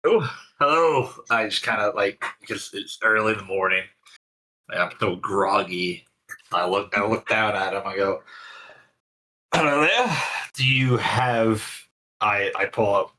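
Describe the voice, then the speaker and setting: A man's voice: on the low side, normal speed, bright, forceful tone, poor audio. A man playing in a tabletop game, talking hesitantly and rambling with lots of "like". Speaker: player. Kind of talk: casual tabletop play.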